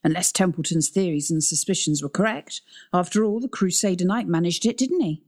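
A woman's voice: fairly low pitch, fairly quick, a little mellow. A woman reading a storybook, voicing a cautious, worried uncle who speaks earnestly and insistently.

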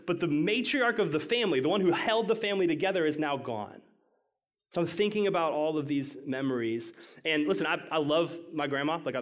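Man, young adult, pastor, sermon, conversational, soft lows and emphatic highs, mid-pitched voice. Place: church hall with congregation.

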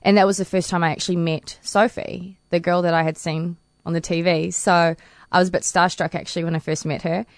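Chatty New woman, low voice. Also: little pitch movement, fairly quick, creaky, dry recording, studio quality. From New Zealand. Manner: chatty, laughs often. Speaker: interview guest, para swimmer. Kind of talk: casual interview answers.

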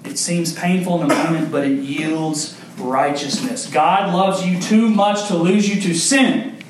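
Unhurried and fairly high-pitched, a young man delivers a sermon as pastor, addressing the congregation head-on with mounting intensity. Slight noise and the distant mic in an echoey hall shape the sound.

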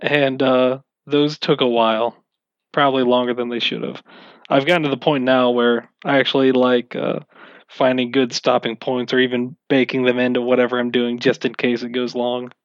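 A man's voice: mid-range voice, level tone, normal speed, clean tone, dry recording. Man, game master, casual interview, rambling, wry, self-mocking, dull lo-fi recording.

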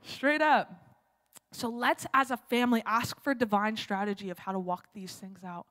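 A woman preaching a sermon in a casual, animated storytelling manner, with long church-hall reverb. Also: medium pitch, brisk.

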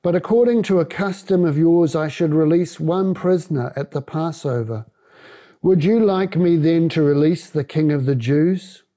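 A man's voice: on the high side, moderate pace, warm tone, lightly acted. A man voicing a stern, questioning male Roman governor in a scripture reading.

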